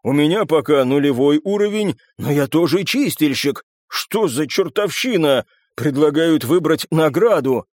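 Male reader voicing a coarse, growling ex-commando, rough-edged. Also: fairly high pitch, expressive, unhurried, hardly any pauses, darkish tone, dry recording, studio quality. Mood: puzzled. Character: tough ex-commando man, coarse and joking.

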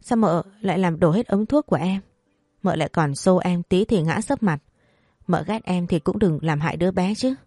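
A woman voicing a scheming pregnant young maid who wails and pleads fast in fake tears. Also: on the low side, mellow, no room sound, clean studio sound, natural voice. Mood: wailing.

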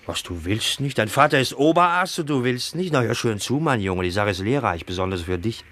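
A man's voice: mid-range voice, animated, a little fast, a bit bright. A cocky, taunting young man. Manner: taunting, mocking. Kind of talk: 1960s radio play acting.

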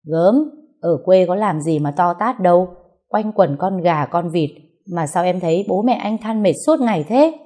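A woman's voice: on the low side, expressive, moderate pace, dark tone. A woman reading the lines of a suspicious, scornful young wife in a storybook tale. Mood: snippy. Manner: prying, scornful.

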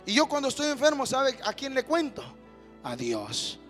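A male pastor delivers a sermon from a church pulpit. His voice sits very high and rings bright and forceful, swelling into shouted calls and amens. Soft music plays faintly behind him. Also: wildly swooping pitch, normal speed. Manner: preaching with rising shouts, call-and-response amens.

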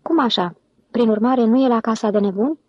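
A man's voice: very high-pitched, no room sound, lo-fi sound. A woman reading a cold, reserved clerk. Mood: cool. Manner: cool, curt.

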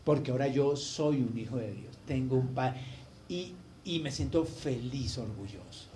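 A male pastor preaching a sermon, telling a personal story with strong swings between loud emphasis and quiet asides. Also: medium pitch, expressive, moderate pace, slight background noise.

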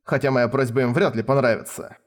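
A man voicing a young male king who speaks quietly and with assurance. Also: medium pitch, fairly even intonation, a little fast, lightly acted. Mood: resolute.

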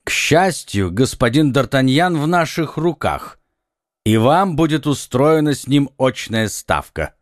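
A man's voice: mid-range voice, big pitch swings, measured pace, no room sound, studio quality, voice pushed up. A man voicing a stern, blustering police commissioner questioning a prisoner in an audiobook. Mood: accusing. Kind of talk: audiobook reading.

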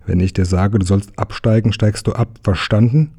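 A man voicing an impatient male tram conductor who scolds a boy, in a husky voice. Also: on the low side, fairly even intonation, moderate pace, warm tone. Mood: scolding. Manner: brusque, scolding.

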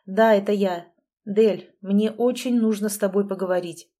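A woman voicing a reserved, guarded grown man who speaks flatly and tersely. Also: medium pitch, moderate pace, natural voice. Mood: earnest. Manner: flat, terse.

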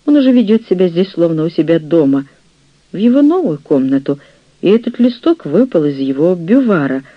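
A man reading an audiobook, voicing an older, jealous and scheming nurse, a widow, in a shrill, reproachful way. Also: sing-song, fairly quick, dry recording, highs cut off. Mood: flustered.

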